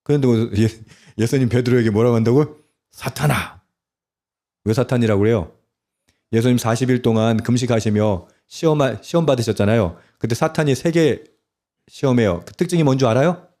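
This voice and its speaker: Mellow-voiced male pastor preaching. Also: medium pitch, brisk. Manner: asks the congregation frequent rhetorical questions; repeats key words in short emphatic phrases. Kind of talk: sermon.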